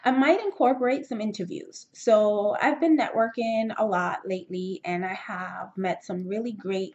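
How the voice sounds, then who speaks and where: Woman podcaster chatting away to her listeners, upbeat, kinda dull lo-fi recording. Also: medium pitch. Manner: chatty and upbeat, switching into a soft breathy whisper for effect. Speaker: podcast host. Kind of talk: casual podcast talk to listeners. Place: home setup.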